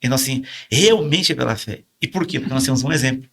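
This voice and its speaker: Brazilian pastor guy sharing his testimony, gets emotional, acts out the dialogue loud. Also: medium pitch, expressive, quick pace, vocal fry. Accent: Brazilian Portuguese. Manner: emotional storytelling, acts out quoted dialogue in a raised voice. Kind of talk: testimony in podcast conversation.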